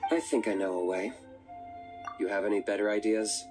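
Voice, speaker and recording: An actor playing a cool, blunt, pragmatic young hunter for hire in a video game, measured and matter-of-fact. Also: male voice, lowish voice, steady tone, music in the background, close to an everyday voice. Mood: grave, resolute.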